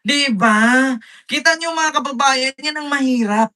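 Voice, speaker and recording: A man's voice: very high voice, measured pace. A man doing live political commentary for his viewers, retelling an argument in combative back-and-forth quotes and speaking straight to his audience. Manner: addresses viewers directly, gives shoutouts. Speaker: political vlogger.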